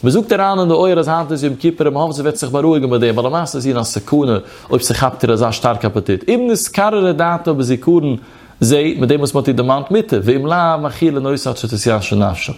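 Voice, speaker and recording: A man's voice: a little high, expressive, fast, a little mellow. A man with a Yiddish accent giving a rabbinic lecture in a chanting sing-song study cadence. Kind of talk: Torah lecture on Yom Kippur fasting law.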